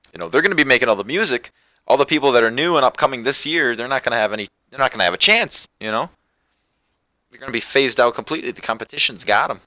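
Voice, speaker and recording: A man hosting a casual podcast rambles loosely through his thoughts in a mid-range, bright, forceful voice, recorded without echo. He turns upbeat whenever he plugs the show.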